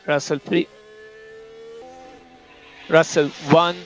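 A race engineer gives a driver clipped instructions and countdowns over team radio. His voice sits on the high side, fairly bright and flat, and he talks extremely slowly through a dull, noisy motorsport radio link.

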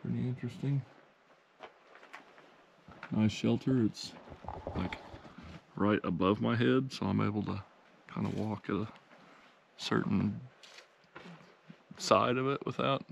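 A man's voice: lowish voice, slow, gravelly, pauses often, muffled recording, a little hiss or hum. A man narrating a hike outdoors in a forest in a laid-back, casual way, chuckling often. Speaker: hiking vlogger. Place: outdoors in a forest among boulders.

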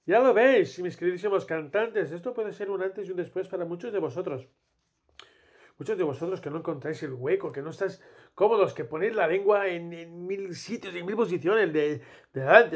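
A man from Spain with a Spanish accent, a tenor teaching a casual singing lesson and singing vocal exercises between explanations. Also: high-pitched.

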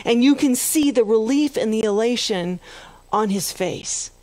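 A woman's voice: fairly high pitch, a little slow, darkish tone, no echo. A woman pastor preaching a sermon, retelling a story and building to fervent emphasis. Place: church.

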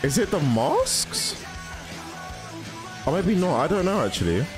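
A young adult man with a high-pitched, wildly swooping voice talks a little slowly into a large microphone close to his mouth, indoors. As a reaction video host, he gives casual, slangy commentary, thinking aloud and repeating himself, with music and show audio playing behind him.

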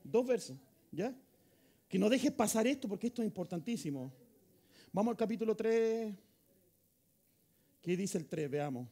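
Animated Chilean pastor, high gravelly voice. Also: male voice. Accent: Chilean Spanish. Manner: animated preaching, rising to shouts and rapid questions. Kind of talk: live sermon. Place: church hall, live service.

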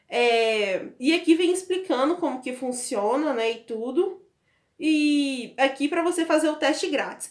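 A young woman from Brazil casually walking through an app on her phone, chatty and laughing often, speaking into an earphone mic at home. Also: high voice. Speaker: book vlogger. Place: home room with bookshelves. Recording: echoey room.

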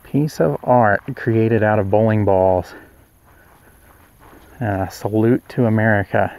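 A man's voice: on the low side, takes it slowly, a little mellow. A man with an Oklahoma accent casually narrating a walking tour of a rural yard, recorded outdoors on a handheld camera. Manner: easygoing, chatty, narrates as he walks. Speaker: vlogger touring a roadside attraction.

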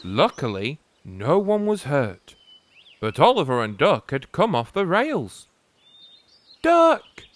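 A man narrating a storybook tale about engines in a gentle, unhurried way. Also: medium pitch, very animated, a little hiss or hum.

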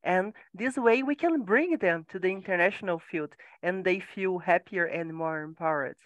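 A woman's voice: fairly low pitch, normal speed, no room sound. A woman English teacher speaking earnestly and enthusiastically on an online panel.

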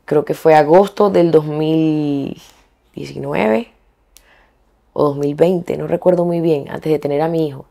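A young woman from Colombia, a singer being interviewed, talking frankly and colloquially, pausing and restarting as she thinks. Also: low voice, fairly even intonation, gravelly, warm tone. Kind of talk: candid interview conversation.

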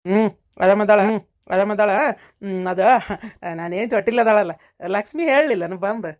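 A woman's voice: mid-range voice, moderate pace, darkish tone, close to an everyday voice. Woman voicing a coaxing grown son. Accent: North Karnataka Kannada. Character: pleading grown son of the house.

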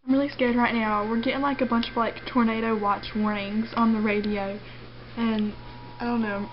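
Young woman, home vlogger, chatty, a little high, muffled noisy camera audio. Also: flat delivery, moderate pace. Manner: chatty, talks baby-talk to her dog. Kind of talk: casual daily vlog. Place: at home, indoors.

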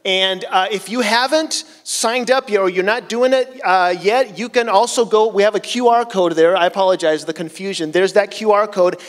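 A middle-aged pastor preaching a casual sermon on a church stage with a handheld mic, telling personal stories in a conversational, self-deprecating way. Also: male voice, high voice, moderate pace, few pauses. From Chile. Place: church stage, large hall. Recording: long church hall reverb.

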